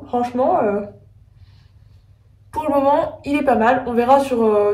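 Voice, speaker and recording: A woman's voice: a little high, a little mellow. A woman doing a casual makeup tutorial, chatting as she goes with lots of hesitant fillers. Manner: chatty, frequent filler "euh", thinking aloud. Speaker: beauty vlogger. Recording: echoey room, voice a bit far from mic.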